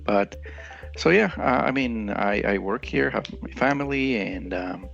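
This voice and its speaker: A man from Ecuador talks as a podcast guest in a low, gravelly voice. He speaks hesitantly and restarts his sentences often. The sound is dull and lo-fi, with faint music behind him. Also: expressive, a little slow, fairly bright tone. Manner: hesitant, many restarts and fillers. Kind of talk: casual interview conversation.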